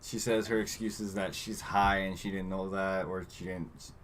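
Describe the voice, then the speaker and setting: Low-voiced man recapping a movie casually. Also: steady tone, normal speed, slight background noise. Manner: retells scenes loosely, acting out quotes with filler words. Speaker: podcast co-host.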